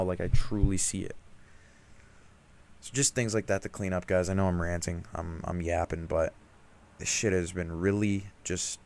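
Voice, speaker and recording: Young man, deep low voice, casual slang, frustrated, self-critical, vlog rant. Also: gravelly, slight background noise. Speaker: trading vlogger.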